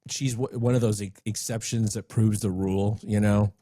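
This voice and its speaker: A male podcast host chatting casually in a relaxed, measured way. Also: on the low side, no room sound. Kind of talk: casual interview chat.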